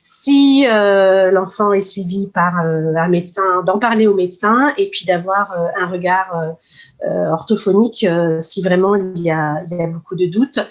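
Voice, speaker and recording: A woman speech therapist, explaining patiently in an interview, with many pauses and fillers. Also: on the low side, lo-fi sound. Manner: measured, many hesitations and fillers.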